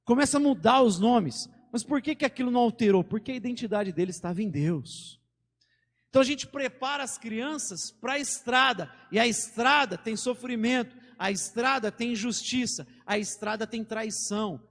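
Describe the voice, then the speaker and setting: A man's voice: very high-pitched, normal speed, fairly bright tone, long reverb tail. A man with a Brazilian Portuguese accent preaching a sermon as pastor, talking in a conversational way with stories and casual slang. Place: church sanctuary.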